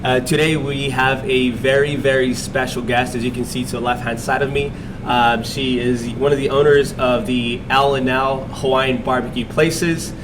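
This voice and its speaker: A man hosts a casual sit-down interview in a restaurant, loose and unhurried, full of ums and restarts. The mic sits back from him, so he sounds a bit distant, and an air-conditioning hum runs steadily underneath. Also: medium pitch. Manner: relaxed, many fillers and restarts. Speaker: podcast host. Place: restaurant dining room.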